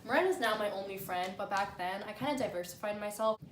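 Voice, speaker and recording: A young woman telling a story in a casual chat, animated and laughing, with frequent swearing. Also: mid-range voice, fast talker, distant mic. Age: young adult. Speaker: co-host. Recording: roomy, a little off-mic, faint noise.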